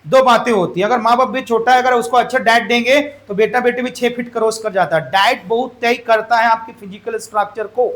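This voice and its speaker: A man teaches English grammar to a classroom. His voice sits very high for a man. He keeps throwing questions at the students and has them repeat the answers aloud. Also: fairly even intonation, brisk, few pauses, a bit bright. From Jharkhand, India.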